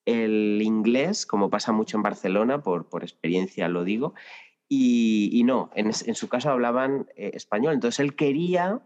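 A man's voice: on the low side, normal speed, darkish tone. A man explaining his language-teaching experience in a podcast interview, thoughtful and full of anecdotes with many restarts. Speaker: Spanish teacher guest. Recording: lo-fi with long reverb.

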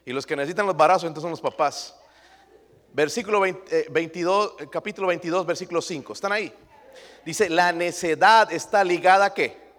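A man's voice: fairly high pitch, a little fast, a bit bright, big-room sound. A male pastor preaching a sermon emphatically, throwing rhetorical questions at his congregation.

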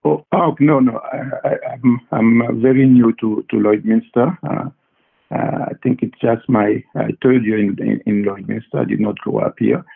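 A man who grew up in Congo answers students' questions in a halting way, full of fillers and repeated words. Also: medium pitch, vocal fry, husky. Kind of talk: casual interview answers. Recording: tinny phone-like line.

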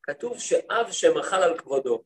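A rabbi teaching a class for women, a man telling stories in a lively way and often turning to his listeners with questions. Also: on the high side. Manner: lively storytelling, acts out quoted speech; talks to the listeners, asks them questions. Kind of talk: lecture to a women's study group.

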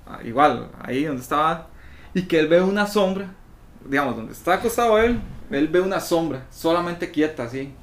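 A young Costa Rican man tells an anecdote with plenty of slang and swearing, drawing his listeners in. His voice sits a bit high for a man. It is relaxed podcast banter among friends. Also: moderate pace. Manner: animated storyteller, swears freely, slangy. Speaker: podcast co-host. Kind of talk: casual chat, storytelling.

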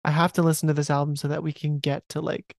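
Young female co-host, deep-toned, deadpan and sleepy, close dry mic. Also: fast, vocal fry, no echo. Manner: dry, blunt, sleepy and yawning. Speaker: podcast co-host. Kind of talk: casual chat about music.

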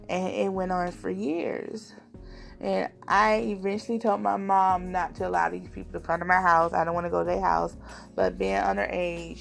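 A young woman speaks straight to her viewers in a candid personal vlog, earnest and confiding. Her voice carries a heavy, gravelly vocal fry. Soft music sits faintly underneath. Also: fairly low pitch. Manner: earnest, confiding, addresses viewers directly as y'all. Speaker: vlogger.

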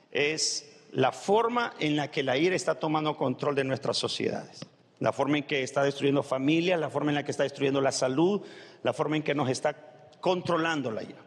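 A male pastor delivers a sermon in a high voice that carries a long, ringing reverb. He rattles through long lists of words and calls out to his congregation. At times he rises to a shout. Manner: rapid word lists, rising to shouts.

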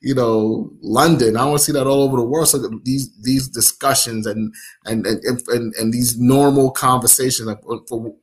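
A man's voice: mid-range voice, steady tone, husky. A man from Nigeria, an app founder, talking casually in an interview with lots of fillers and restarts. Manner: many fillers, halting restarts.

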